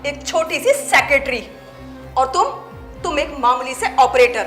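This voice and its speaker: A woman's voice: high voice, measured pace, a bit bright. An actress playing a principled woman boss who firmly scolds her staff in defense of her husband. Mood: indignant. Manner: firm, scolding, reproachful. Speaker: office boss and wife. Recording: echoey room with faint music.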